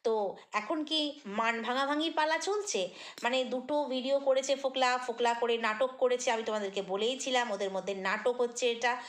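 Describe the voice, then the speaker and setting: A woman's voice: on the high side, normal speed. A woman vlogger talking through a casual commentary monologue, chatty and critical, with many fillers and restarts.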